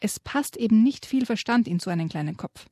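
A grumpy female kobold from a children's storybook mocks and snaps, as a woman reads her lines. Her voice is husky and mellow, recorded dry. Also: medium pitch, lively intonation, a little fast, dry recording, lightly acted. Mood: scornful. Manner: snappish, scornful. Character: grumpy female kobold, sharp-tongued and mocking. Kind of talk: reading a children's book aloud.

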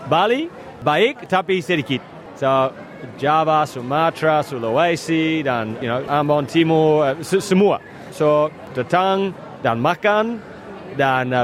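An Australian man, a native English speaker, giving interview answers in halting, simple Indonesian as a foreigner, with English words mixed in. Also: a little high. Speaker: member of state parliament, interviewee.

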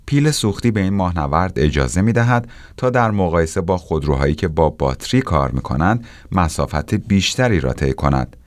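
A man's voice: deep voice, big pitch swings, no echo, studio quality. A man presenting technology news as scripted narration.

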